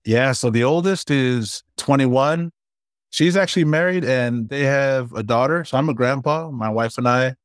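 A startup founder from Hawaii, a man in his forties, talks about his life as an interview guest in a casual, warm way. His pitch is medium and his speed normal, captured as clean studio sound with no room sound.

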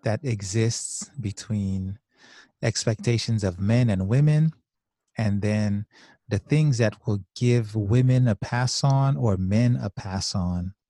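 A man co-hosting a podcast as a clinician, talking through ideas in a thoughtful, measured way with hesitant restarts. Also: on the low side, warm tone, no room sound, clean studio sound. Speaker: podcast host, clinical social worker. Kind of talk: casual podcast discussion.

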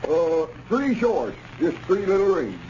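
An actor playing a slow-witted, easygoing country youth with a rural Southern US accent and hayseed grammar in an old radio comedy serial. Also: male voice, high voice, sing-song, mellow. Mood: unconcerned. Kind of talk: 1930s-40s radio comedy serial acting. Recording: muffled, noisy old radio recording.

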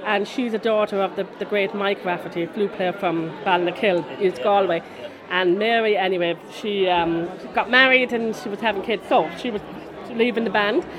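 A woman's voice: medium pitch, moderate pace. A woman in her forties with a west of Ireland accent, chatting and rambling through stories in a casual interview. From Connemara, west of Ireland. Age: 40s. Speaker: interviewee, folk musician. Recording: busy crowd murmur behind. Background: crowd after a concert.

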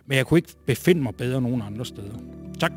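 A man's voice: mid-range voice, expressive, loud music behind the voice. A middle-aged man telling a wry, self-mocking story about his working life to a live audience.

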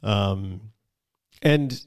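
A man's voice: lowish voice, very slow. A man co-hosting a recovery podcast, talking casually, reading bits from notes and telling jokes. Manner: conversational, reads notes aloud, tells jokes. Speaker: podcast co-host.

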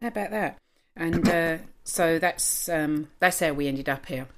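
Chatty East London woman, lowish voice. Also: measured pace. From East London, England. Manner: chatty, laughs often, earthy, self-mocking. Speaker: podcast co-host. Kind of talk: casual chat.

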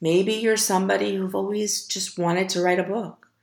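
A woman hosting a podcast, giving an earnest, encouraging motivational talk with slow, emphatic delivery. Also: medium pitch, steady tone, gravelly, reverberant. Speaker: podcast host.

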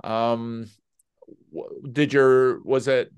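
Smooth-voiced man interviewing. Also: medium pitch, fairly even intonation, drawn-out words. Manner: gentle, searching questions with restarts. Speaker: interviewer, host. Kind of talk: casual interview.

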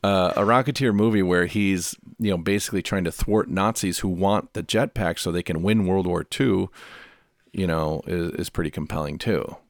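A man's voice: low voice, normal speed, no echo. A man co-hosting a casual film review chat, rambling with fillers and restarts. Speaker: podcast co-host.

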